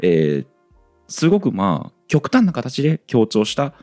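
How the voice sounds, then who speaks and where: A man's voice: mid-range voice, huge pitch swings, a little slow, a little mellow, soft background music. A man co-hosting a casual podcast, patiently explaining language trivia with a teasing manner. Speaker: co-host explaining linguistics.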